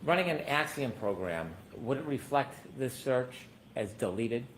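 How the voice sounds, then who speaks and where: A man's voice: mid-range voice, expressive, measured pace, slight background noise, poor audio. A man questioning a witness as an attorney in a courtroom recording, asking probing questions with frequent hesitations.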